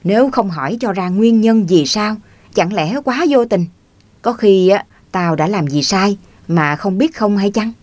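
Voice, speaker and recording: A woman's voice: medium pitch, expressive, a little slow, darkish tone, no room sound, natural voice. A woman reading the part of a touchy, stubborn grown man from the countryside who grumbles defensively. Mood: grumbling.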